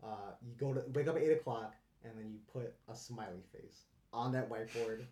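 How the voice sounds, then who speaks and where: In an echoey room, a young man co-hosting a podcast chats in an easy, laid-back way and laughs often. His mid-range voice is warm, and he talks fairly quickly.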